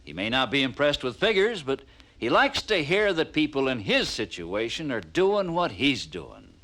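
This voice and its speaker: A slightly high, somewhat bright American male voice narrates in the style of a 1950s training film, persuasive and punchy and packed with rhetorical questions. It sounds like a vintage 1950s film soundtrack.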